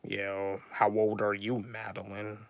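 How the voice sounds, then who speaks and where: A man's voice: on the low side, completely flat delivery, takes it slowly, vocal fry, no echo. A man in his twenties, a YouTuber and rapper, chatting casually on a livestream, repeating his points and answering viewers by name. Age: 20s. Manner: repetitive, restates each point, calls out viewers by name.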